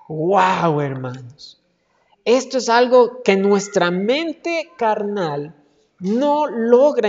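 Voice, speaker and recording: A man's voice: high voice, a little mellow. A man preaching a dramatic sermon, often calling out to his brethren and acting out scripture. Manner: dramatic, calls "hermanos" often, acts out scripture. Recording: dull, reverberant hall recording.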